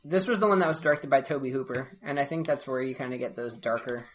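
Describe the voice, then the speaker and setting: A woman's voice: very deep voice, fast, a little hiss or hum. A young woman co-hosting a podcast in casual chat, with wry, joking asides. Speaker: podcast co-host.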